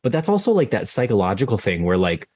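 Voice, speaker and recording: A woman in relaxed conversation whose pitch swings widely and leaps up when she jokes. The sound is dry and close, with no room around it. She talks in an animated, playful way. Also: fast talker, no echo. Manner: animated, jumps high in pitch when joking. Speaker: podcast co-host. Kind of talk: casual chat.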